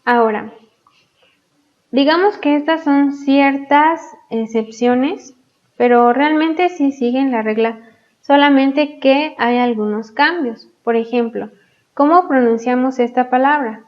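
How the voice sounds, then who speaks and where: A woman teaching English grammar, explaining patiently and pronouncing example words slowly and clearly. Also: sits high. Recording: dull lo-fi sound.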